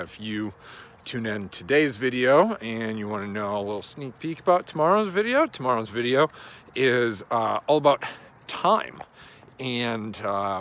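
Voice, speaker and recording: This is a casual walking vlog from a strength and conditioning coach in his thirties, rambling as he moves along a suburban street with his phone at arm's length. His medium-pitched voice has a fairly bright tone, with a bit of background noise.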